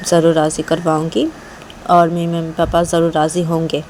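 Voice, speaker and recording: A determined young woman, read by a woman storyteller, insists on her plans in an earnest, repetitive way. Her voice is low and mellow, with a faint hum behind. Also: completely flat delivery, normal speed, lightly acted.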